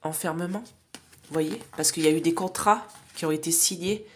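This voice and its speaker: Speaking at normal speed in a low, nasal voice, a psychic woman gives an informal oracle card reading to viewers amid slight background noise. She meanders with lots of fillers, asides, and tag questions, and lowers to a whisper while drawing cards.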